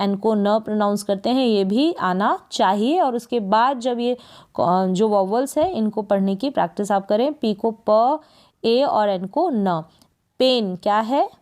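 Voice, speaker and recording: A woman's voice: mid-range voice, a little mellow. A woman with a Hindi accent teaching English phonics, spelling each word letter by letter and repeating it. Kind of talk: slow phonics lesson.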